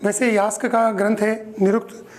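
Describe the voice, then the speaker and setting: A male teacher giving a grammar lesson, explaining slowly and repeating each word, often checking in with the class. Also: high-pitched, flat delivery.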